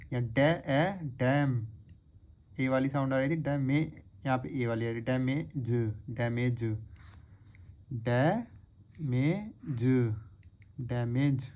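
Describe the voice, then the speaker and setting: A man teaching shorthand step by step, slowly drawing out words to show their sounds. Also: mid-range voice, darkish tone. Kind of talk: step-by-step lesson.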